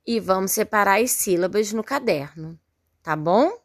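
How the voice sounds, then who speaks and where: A woman's voice: medium pitch, lively intonation, normal speed, no echo, clean studio sound. A Brazilian woman teaching first graders in a recorded lesson, patiently sounding words out syllable by syllable and praising often. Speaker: primary school teacher. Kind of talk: recorded remote lesson for young children.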